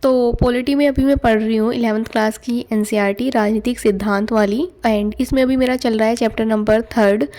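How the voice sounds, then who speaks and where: Young female vlogger, casual chatty narration, fairly high voice with a warm mellow timbre. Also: steady tone, brisk, hardly any pauses. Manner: chatty, loose Hindi-English mix with fillers. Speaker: exam aspirant vlogger. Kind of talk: casual study vlog narration. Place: at home.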